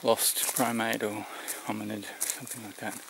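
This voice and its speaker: A middle-aged Australian man with a low, gravelly voice talks in a halting, reflective vlog style. He sounds tired and short of breath. The recording is outdoors, with clear background noise. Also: flat delivery. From New South Wales, Australia. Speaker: vlogger. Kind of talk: unscripted vlog to camera. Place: outdoors in the mountains.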